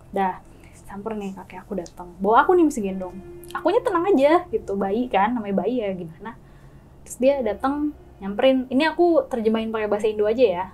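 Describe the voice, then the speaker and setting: Lively woman telling a story, fairly high voice. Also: a little hiss or hum. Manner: lively, acts out scenes with gestures and quoted dialogue. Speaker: guest telling her own experience. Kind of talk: casual storytelling chat.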